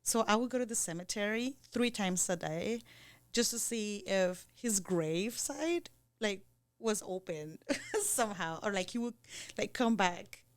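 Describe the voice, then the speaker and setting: A woman from Costa Rica, talking in a halting way with many restarts and fillers in a casual podcast chat. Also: medium pitch, lively intonation, no room sound. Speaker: co-host.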